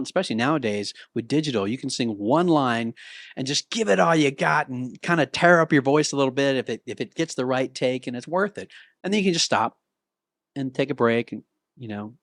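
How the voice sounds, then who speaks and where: A man's voice: mid-range voice, no room sound, studio quality. A middle-aged man giving a casual, conversational singing lesson, sometimes breaking into short sung demonstrations. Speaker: vocal coach. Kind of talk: talking-to-camera singing lesson. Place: Nashville.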